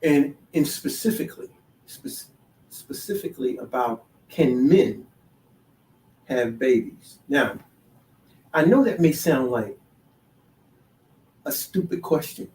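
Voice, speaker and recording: A man's voice: mid-range voice, lively intonation, darkish tone. Guy hosting his own talk show, stops and restarts a lot then gets all preachy, far off the mic. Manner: halting, with many restarts, building to preachy emphatic declarations. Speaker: podcast host. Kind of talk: solo talk-show monologue. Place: DC, Maryland, Virginia area. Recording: echoey room, voice far from the mic.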